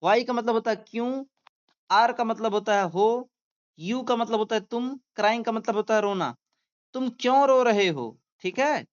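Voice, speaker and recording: A man teaching a class, reading each English line slowly and explaining it word by word, often checking with a quick question tag. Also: very high voice, dull audio.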